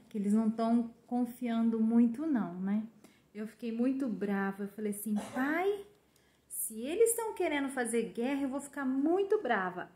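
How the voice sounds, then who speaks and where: A woman's voice: a little high, mellow, roomy sound. A Brazilian woman preaching informally to her followers in a chatty way, often tagging "né?" and laughing. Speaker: religious preacher. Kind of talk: informal prophetic sermon to online followers.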